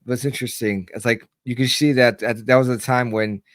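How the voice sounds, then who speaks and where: A man's voice: medium pitch, fairly even intonation, fairly quick, fairly bright tone, no echo, studio quality. A man co-hosting a wrestling podcast in casual chat, joking, laughing often and thinking aloud. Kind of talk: casual chat on a live stream.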